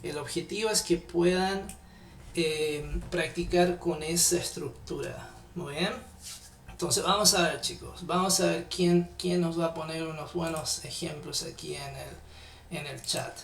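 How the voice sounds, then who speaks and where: A man teaching English in a live online class, patiently repeating phrases slowly. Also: fairly high pitch, fairly even intonation, vocal fry, fairly bright tone, distant mic. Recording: echoey room, off-mic.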